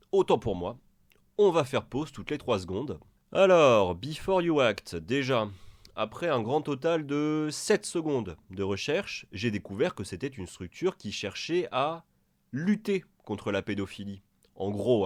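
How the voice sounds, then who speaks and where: A man's voice: lowish voice, no room sound. A man giving sarcastic reaction commentary, mocking and crude, talking straight to the person in the clip he is answering. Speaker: video commentator.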